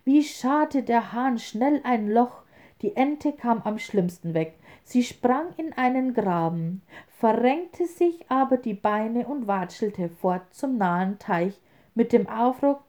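Slow, mellow woman reading a fairy tale. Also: on the high side. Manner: expressive, lively storytelling. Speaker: storyteller.

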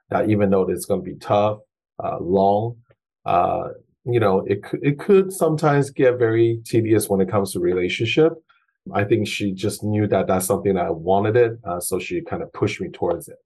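A man's low, slightly rough voice carries vocal fry and a darkish tone. Now in his forties and originally from Taiwan, he is chatting as a guest chef in an informal interview, sounding hesitant and restarting and using fillers a lot.

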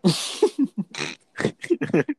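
A man's voice: extremely slow, darkish tone, no room sound. A young man with a Mexican Spanish accent, co-hosting a casual podcast, joking and teasing and laughing often. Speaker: podcast co-host.

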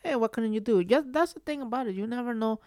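A woman's voice: a little high, quick pace, darkish tone, no room sound, clean studio sound. A woman hosting a solo podcast, telling stories casually in a rambling way that circles back and repeats phrases. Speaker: podcast host.

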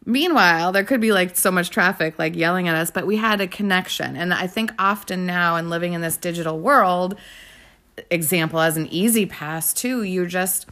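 Giggly, gravelly-voiced woman podcast host. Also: lowish voice, moderate pace, a bit bright. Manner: bubbly, giggly, rambling storyteller. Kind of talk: casual chat.

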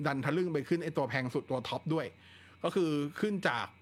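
A man hosting a casual live tech chat, relaxed and talkative, answering viewer questions with plenty of fillers. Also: on the high side, fast. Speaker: tech livestream host.

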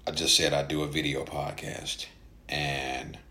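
A podcast host who stutters delivers a casual, halting personal monologue full of gaps and hesitations. His voice is a low rumble, bright and forceful in tone, with a flat delivery.

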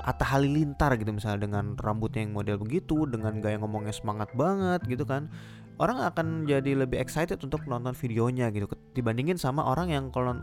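Chatty young man hosting a podcast. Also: mid-range voice. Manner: relaxed, chatty, many fillers like "gitu ya". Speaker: podcast host. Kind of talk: casual solo podcast talk.

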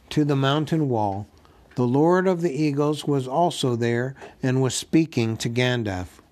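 A man reading a storybook aloud as narrator, in a slow, deliberate and gently expressive way. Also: medium pitch. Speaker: audiobook narrator.

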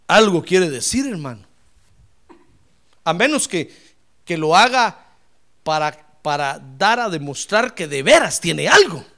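A male pastor preaching a sermon, fervent, swinging from loud exclamations to quiet asides and often addressing his listeners directly. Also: high voice. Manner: repeatedly addresses listeners as "hermano".

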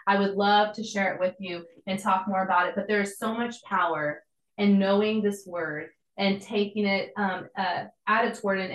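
A woman, giving a conversational, earnest devotional teaching with casual asides. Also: medium pitch. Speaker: podcast host and church planter. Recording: echoey room.

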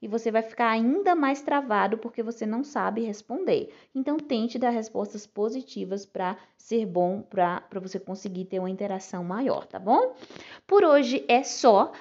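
A woman teaching a beginner English lesson, saying example phrases slowly and clearly in a friendly, encouraging way. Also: on the high side, darkish tone, lo-fi sound. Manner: slow, drawn-out model pronunciations.

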